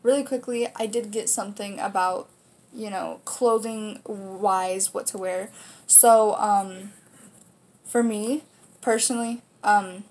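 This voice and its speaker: A nineteen-year-old woman from Kansas in the United States, with an American accent, hosts a casual vlog from a small indoor room, chatting to camera in a rambling, informal way. Her mid-range voice is darkish, fairly even and slow.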